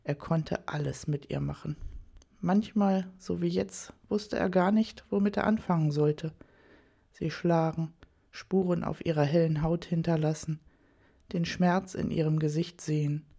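A reader giving a calm, measured scripted narration of a story, unhurried and even. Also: medium pitch, gravelly.

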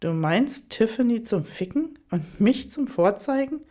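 A woman's voice: a little high, animated, measured pace, warm tone, voice pushed up. A woman reading the part of a betrayed wife who answers with dry, composed sarcasm. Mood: sarcastic. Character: cool, sharp-tongued betrayed wife.

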